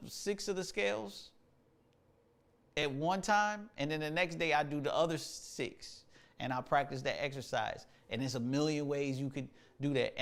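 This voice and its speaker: A man hosting a casual livestream, talking about music practice in a laid-back, slangy way, thinking aloud with lots of fillers. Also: mid-range voice. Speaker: musician and show host.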